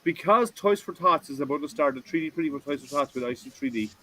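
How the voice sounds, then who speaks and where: Chatty male livestream host, slightly high. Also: lively intonation, quick pace, pushed and bright, low-quality recording. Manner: chatty, rambling with frequent restarts. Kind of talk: casual livestream chat.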